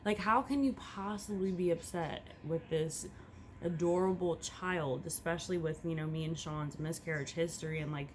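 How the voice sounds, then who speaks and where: A woman's voice: sits low, moderate pace, slight background noise. A young woman, a first-time mother, talking candidly and a bit rambling in a casual vlog at home. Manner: candid, rambling, swings between hushed and loud. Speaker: vlogger, first-time mom.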